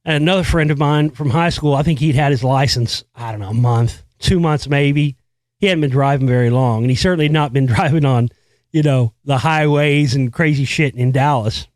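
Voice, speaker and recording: A man's voice: mid-range voice, darkish tone, no room sound. A middle-aged man telling a long story on his podcast, rambling and profane, full of fillers and restarts. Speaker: podcast host. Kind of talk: casual storytelling monologue.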